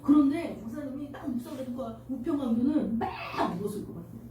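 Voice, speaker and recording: Woman pastor, high voice, heartfelt sermon, miked from afar in a reverberant church. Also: animated, fairly quick, dark tone, a little hiss or hum. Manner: emotional, tearful at moments, addresses congregation with questions. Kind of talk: sermon to children. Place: church sanctuary. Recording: echoey church hall from far off.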